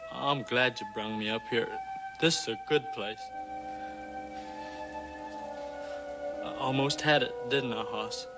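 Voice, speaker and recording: An actor playing a simple-minded, childlike, remorseful hunted man in a 1960s TV western, with halting, rustic American speech. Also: mid-range voice, close to an everyday voice, poor audio. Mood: resigned, wistful. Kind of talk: 1960s television western acting. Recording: old TV soundtrack with music underneath.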